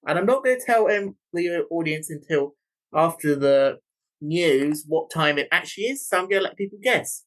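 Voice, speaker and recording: A man's voice: on the high side, lively intonation, moderate pace. A man from New Zealand with a thick Kiwi accent that leans British, chatting casually and ramblingly as a guest co-host. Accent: thick New Zealand, leaning British. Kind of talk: casual chat.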